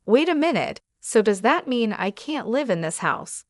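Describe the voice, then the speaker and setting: A woman's voice: medium pitch, animated, normal speed, dry recording, clean studio sound, lightly acted. A woman voicing a brash, greedy stepsister. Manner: brash and pushy. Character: scheming greedy younger stepsister.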